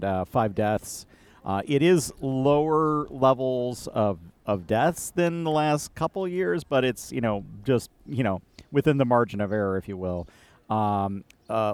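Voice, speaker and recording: A man co-hosting a casual politics podcast, talking in a relaxed, halting way with many fillers and restarts. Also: mid-range voice, clear, resonant tone. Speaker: podcast co-host. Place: outdoor beer garden.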